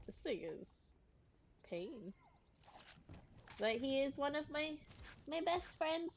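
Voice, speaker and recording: Calm woman giving game callouts. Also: high-pitched, slow pace, noisy background. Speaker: co-streamer. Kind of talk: casual gaming chat.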